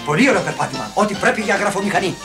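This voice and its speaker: A leering rich company boss. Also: male voice, sits high, lively intonation, music in the background. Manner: sly, teasing, flirtatious. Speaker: lecherous company director.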